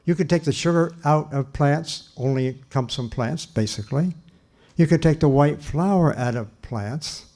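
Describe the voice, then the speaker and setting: A man's voice: fairly high pitch, a little slow, warm tone. An older man giving a public lecture in a church, earnest and emphatic, repeating his key points and restarting sentences. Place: church hall.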